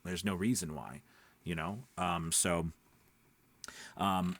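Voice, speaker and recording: A low-pitched man with a fairly bright tone takes his time, offering casual, emphatic advice to camera on a dry recording. He's a voice-over coach running a channel, and he often asks rhetorical questions to confirm his audience is keeping up.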